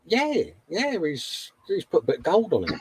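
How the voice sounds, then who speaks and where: A man's voice: high-pitched, huge pitch swings, normal speed, breathy edge, dry recording. A man co-hosting a casual hobby show, reading out posts in a chummy, colloquial way, often calling people mate. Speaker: co-host of a hobby live show.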